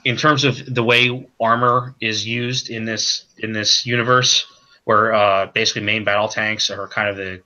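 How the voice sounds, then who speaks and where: A man being interviewed as a comic creator, talking in a halting way with many repeated words and restarts. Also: on the low side, level tone, pushed and bright, lo-fi sound. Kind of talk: casual stream interview.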